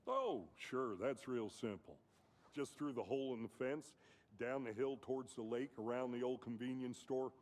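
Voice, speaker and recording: A man's voice: medium pitch, moderate pace, close to an everyday voice. A man playing a folksy, rambling, slightly hesitant small-town deputy in scripted video game dialogue. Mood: folksy, chatty.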